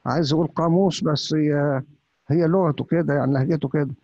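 A priest with an Upper Egyptian Arabic accent preaching a sermon, firing off rhetorical questions. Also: male voice, fairly high pitch, steady tone, fast talker, creaky, dark tone, no room sound. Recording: dull, lo-fi, dry.

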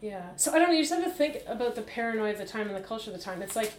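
A woman's voice: a little high, lively intonation, racing, a little hiss or hum. Chatty woman podcast guest, echoey room. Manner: chatty, many fillers and restarts. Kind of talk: casual podcast discussion.

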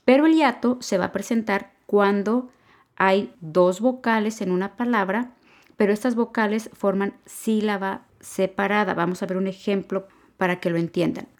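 A woman's voice: medium pitch, moderate pace. A woman giving a podcast grammar lesson, patiently explaining and repeating key points. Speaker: Spanish teacher.

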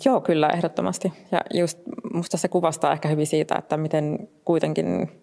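A speaker reflecting calmly in conversation, with measured phrasing and repeated words. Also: mid-range voice, vocal fry, in a large hall.

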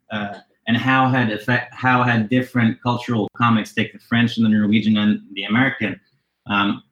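A man's voice: mid-range voice, fairly bright tone, roomy sound, rough recording. A man from Norway, a company co-founder, talking in a casual podcast interview, thoughtful and rambling with many fillers.

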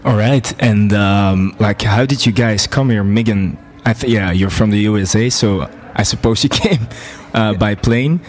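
A man's voice: lowish voice, a little slow, hardly any pauses. A young man, chatting hesitantly on a student radio show in a studio. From Belgium. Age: 20s. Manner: hesitant, many fillers. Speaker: student guest. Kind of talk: casual radio chat.

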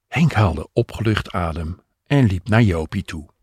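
A man narrating an audio story with gentle, unhurried storytelling. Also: deep voice, expressive, husky, no room sound.

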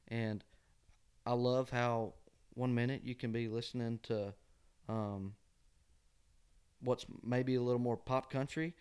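A man's voice: mid-range voice, darkish tone, smooth. A man from Georgia with a Southern accent and a nasal twang, chatting casually and folksily as a musician guest in an interview. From Georgia, USA. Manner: folksy, often ends phrases with "man". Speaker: country singer-songwriter guest.

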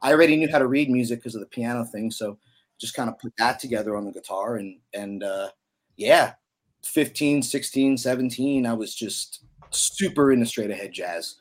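A man's voice: mid-range voice, moderate pace. Chatty man telling a story. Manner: animated storyteller, many fillers like "you know". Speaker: podcast guest, musician. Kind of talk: casual storytelling.

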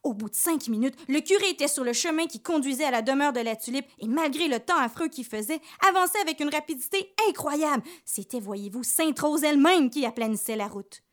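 A woman reading a folk tale aloud with expressive storytelling. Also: high-pitched, a little fast, hardly any pauses. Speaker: narrator.

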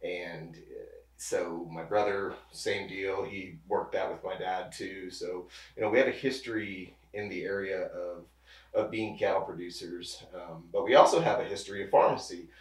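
Sitting at some distance from the microphone, this man in his thirties, a pharmacist guest, chats in a casual interview at normal speed. His low voice wanders loosely, with lots of restarts and circling back, and the room echoes noticeably.

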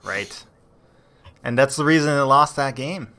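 A man co-hosting a podcast in casual chat, relaxed and rambling, with frequent fillers and restarts. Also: mid-range voice, a little slow. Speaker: podcast co-host.

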